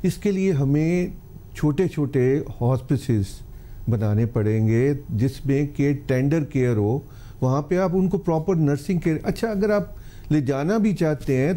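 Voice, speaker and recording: A man's voice: fairly high pitch, mellow. An older man, a cancer specialist on a TV health talk show, giving earnest, pleading advice to the public. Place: TV studio.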